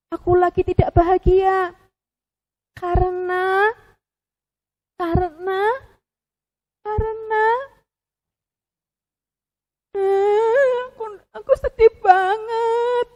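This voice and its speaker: A woman voicing a sad little penguin puppet in a children's story, talking softly and slowly, on the edge of tears. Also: very high voice, highs cut off. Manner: soft, quiet and slow, breaking into sobs.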